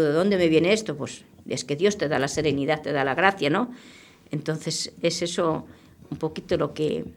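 Earnest older nun, lowish voice. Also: female voice. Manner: earnest, unhurried, repeats herself while thinking. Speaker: missionary nun. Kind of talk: radio interview, reflective testimony. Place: radio studio.

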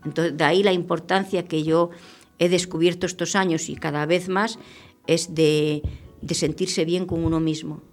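A woman's voice: fairly low pitch, steady tone, normal speed, soft background music. An older woman, a missionary nun, speaking earnestly and unhurriedly in a radio interview, often repeating herself as she thinks. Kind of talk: radio interview, reflective testimony. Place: radio studio.

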